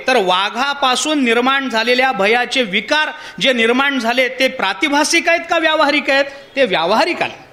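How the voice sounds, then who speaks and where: High, bright-voiced man preaching. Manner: poses rhetorical questions to the audience; animated storytelling with parable. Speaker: spiritual discourse speaker. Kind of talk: devotional discourse with storytelling.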